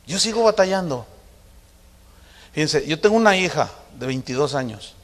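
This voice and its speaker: A man's voice: on the high side, lively intonation, moderate pace, fairly bright tone, in a large hall. A middle-aged man preaching a sermon in a conversational, confiding, humorous way. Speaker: pastor.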